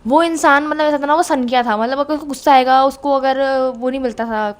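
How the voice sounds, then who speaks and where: A young woman from India, in her twenties, tells a story in a relaxed chat. She talks in a rapid rush, her voice high and bright, jumping into quick asides as she goes. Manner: very fast, animated talk with quick asides. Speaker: co-host telling a story.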